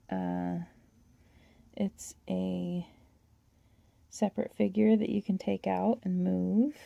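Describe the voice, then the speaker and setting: A woman hosting a toy-collecting channel, chatting and gushing through a catalog in a hoarse voice. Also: medium pitch, warm tone, no room sound, dull audio. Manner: chatty, gushing, with little laughs. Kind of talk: casual show-and-tell of a toy catalog.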